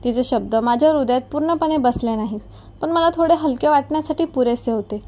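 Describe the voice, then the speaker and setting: Narrator: woman with a fairly high, mellow voice, steady storytelling read. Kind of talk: scripted first-person narration.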